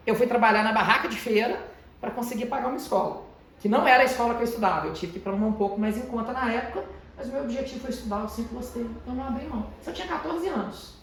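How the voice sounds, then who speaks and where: Man speaking in a very echoey hall. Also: extremely high pitch. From Brazil, Minas Gerais. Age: 30s. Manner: deliberately calm, slowed and softened delivery. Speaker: motivational speaker to teenagers. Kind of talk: motivational talk. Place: large echoey house of prayer. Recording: very echoey hall, faint background noise.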